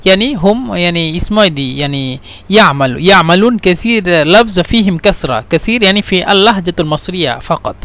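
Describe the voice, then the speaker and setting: An Arabic teacher with a high-pitched, expressive, pushed and bright voice gives a language lesson. He repeats each phrase slowly several times, switching among dialect, standard Arabic and English to gloss it.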